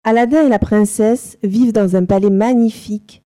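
A woman narrating a simple storybook slowly and carefully for learners. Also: mid-range voice, steady tone, warm tone. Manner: slow, simple, carefully articulated.

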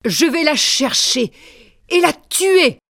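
A woman voicing a vain, jealous, wicked queen in a slowly read storybook. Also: high-pitched, animated, a bit bright, dry recording, clean studio sound, exaggerated voice. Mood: furious. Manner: slow, carefully articulated storybook reading.

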